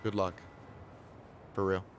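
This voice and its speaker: A laid-back young male friend in a story game. His voice is deep and unhurried. Faint ambient sound sits behind him. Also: monotone, slight background noise.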